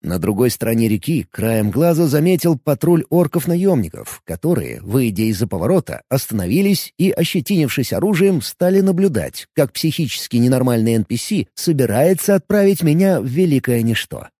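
A man narrating a first-person fantasy game story as an audiobook, in a lively storytelling manner. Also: medium pitch, a little fast, few pauses, husky, dry recording, studio quality.

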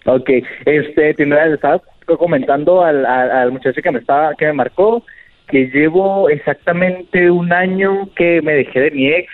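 A man's voice: fairly high pitch, normal speed, no room sound. Man calling in over a phone. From Mexico. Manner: nervous, joking. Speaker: caller. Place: at work outdoors. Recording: tinny phone line.

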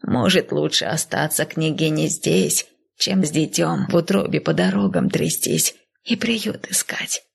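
A woman's voice: sits low, sing-song, creaky, breathy edge, exaggerated voice. A woman voicing a frail, weary old nanny. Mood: worried. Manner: slow, hushed, half-whispered sighing. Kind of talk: audiobook character voice.

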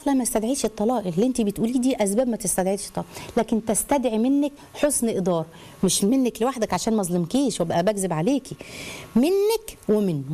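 A woman with an Egyptian accent hosting a call-in advice show, talking briskly and expressively and checking in with her listeners. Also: on the high side. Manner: brisk, expressive, asks listeners questions and acts out quoted voices.

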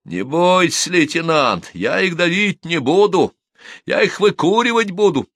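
A reckless young tank driver bellows his plans in a raised, brassy voice, as a male reader puts him on. The delivery is loud and swaggering, pitched well above the reader's low everyday tone. The recording is close and dry, with no room sound. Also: sing-song, measured pace, dry recording, full character voice. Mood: brash shouting. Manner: shouting, brash, reckless.

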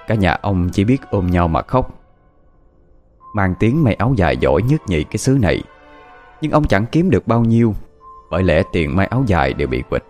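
Male narrator, animated storytelling, soft music behind. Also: on the low side. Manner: lively storytelling.

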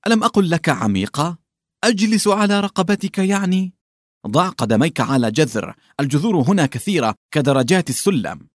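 A man's voice: high voice, lively intonation, normal speed, no room sound, studio quality, pitched above the performer's own voice. A man voicing a young hunchbacked peasant who barks orders and scolds while shivering with cold. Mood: bossy, shivering.

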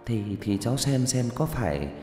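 A man's voice: mid-range voice, very animated, moderate pace, warm tone, pitched above the performer's own voice, lightly acted. A man voicing a curious young boy who begs and wheedles. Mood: eager. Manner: eager, wheedling. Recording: echoey room with faint music.

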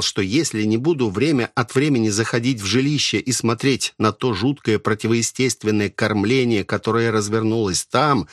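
A man narrating a literary story in the first person, with expressive storytelling. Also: mid-range voice, no echo, clean studio sound. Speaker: audiobook narrator.

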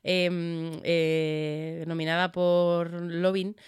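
A woman's voice: lowish voice, flat delivery, very slow, clean tone, no room sound, clean studio sound. A woman, co-hosting a casual film podcast and talking enthusiastically about movies, often restarting her sentences. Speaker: podcast co-host.

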